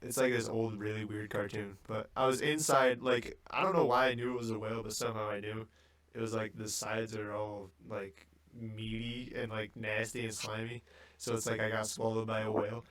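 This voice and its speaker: A man's voice: lowish voice, little pitch movement, moderate pace, fairly bright tone. A young man in his late teens on a podcast, talking in a loose, rambling way full of fillers. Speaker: podcast co-host. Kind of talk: casual chat.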